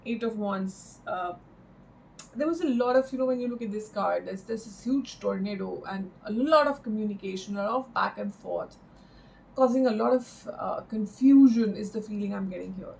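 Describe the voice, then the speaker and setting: A woman giving an improvised, mystical horoscope tarot reading in a halting, reflective way, repeating phrases for emphasis. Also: mid-range voice, gravelly, a little mellow, a little hiss or hum, rough recording. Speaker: tarot card reader.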